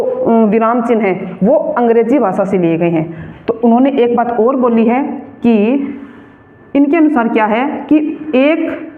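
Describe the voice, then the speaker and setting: A woman teacher leads a grammar lesson, dictating slowly and repeating each phrase for her students to copy. Her voice rings around an echoey classroom and comes through a narrow, tinny, phone-like recording. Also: on the high side. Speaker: school teacher.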